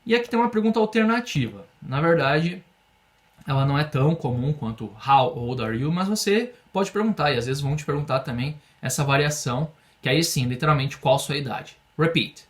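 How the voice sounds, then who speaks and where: A man from Brazil teaching an online English lesson, patiently explaining and slowing down to model phrases for students. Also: fairly high pitch, lively intonation.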